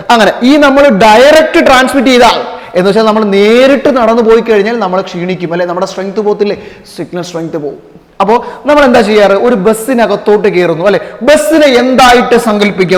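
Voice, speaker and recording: A male physics teacher with a high-set voice, talking to his students as if they were his children. He asks a question, answers it, and keeps checking that they followed. The sound carries a long reverberant ring from the room. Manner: addresses listeners affectionately as children. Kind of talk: classroom-style lecture to students.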